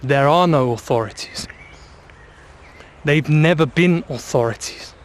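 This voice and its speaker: A man hosting a spiritual vlog, speaking in slow, emphatic, commanding declarations, recorded outdoors in the countryside. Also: on the high side, a little hiss or hum. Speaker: channel host.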